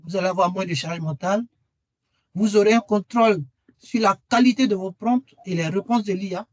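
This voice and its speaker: A high-pitched man speaks briskly while presenting a webinar, earnestly pushing listeners to enroll in his training course. He keeps repeating key phrases to drive them home, and the audio carries no room sound.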